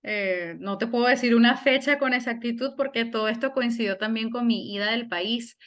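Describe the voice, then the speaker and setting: Speaking at a normal pace in a fairly high, slightly bright voice, a Venezuelan woman in middle age, who sings and teaches German, talks reflectively during a conversational interview. She restarts frequently and leans on fillers.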